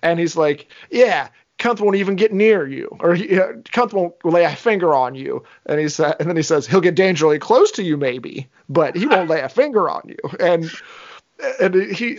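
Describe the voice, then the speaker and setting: A man co-hosting a podcast, eagerly agreeing and retelling movie scenes with quoted lines. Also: high voice. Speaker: podcast co-host. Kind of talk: casual movie recap chat. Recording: dull lo-fi audio.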